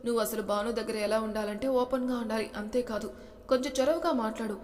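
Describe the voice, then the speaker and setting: A woman's voice: fairly high pitch, fairly even intonation, fast talker, a little mellow, big-room sound, lightly acted. A woman voicing a playful younger brother who teases his older brother. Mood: teasing.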